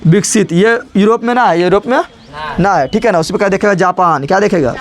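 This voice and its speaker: Young male teacher, raised pitch, repetitive call-and-response lecturing. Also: brisk. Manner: drills students with constant repeated questions. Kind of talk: classroom lecture.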